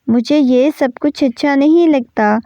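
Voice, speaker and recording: A hot-tempered, possessive young man from a romance novel barks orders, as a woman reader voices him. The delivery is mellow and fairly high, on a dry, dull recording. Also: dry recording. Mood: angry. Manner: shouting, commanding.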